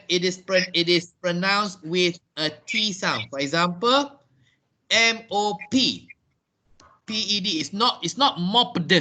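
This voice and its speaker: A man with a Malaysian accent leads an English lesson, spelling out words letter by letter. He speaks slowly in a bright, somewhat high voice, circling back to repeat his points. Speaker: English teacher. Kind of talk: classroom lesson. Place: workplace training room.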